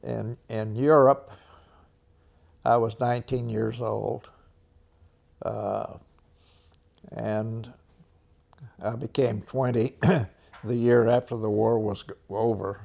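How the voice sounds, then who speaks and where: An American man in his nineties, an old veteran remembering the war in an interview, speaking haltingly with frequent throat clearing. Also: on the low side, steady tone, darkish tone. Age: 90s.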